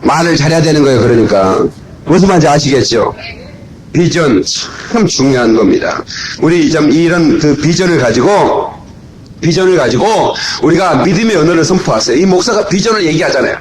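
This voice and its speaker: A man preaching a lively, humorous sermon as a pastor, shouting his punchlines, recorded on an old cassette in a church full of people. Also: a little high, a little fast, slight background noise, poor audio. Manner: animated, shouting punchlines, playful asides. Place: church sanctuary. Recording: old cassette tape of a live church service with congregation. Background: congregation laughing and responding.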